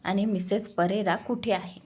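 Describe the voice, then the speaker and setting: A woman's voice: mid-range voice, fairly even intonation, unhurried, a little mellow, husky. A woman voicing a brave, defiant young heroine in an audio story, who sounds frightened but stands firm.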